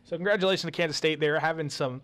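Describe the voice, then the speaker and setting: A man's voice: a little high, fairly even intonation, rapid-fire, a bit bright. Joking young man talking college football. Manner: joking, restarts often. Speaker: co-host. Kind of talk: casual sports talk.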